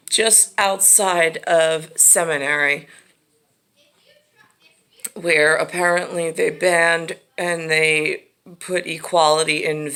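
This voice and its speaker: A woman's voice: low-pitched, gravelly, fairly bright tone. A woman talking casually in a rambling, disjointed monologue that drifts from one tangent to another. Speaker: vlogger.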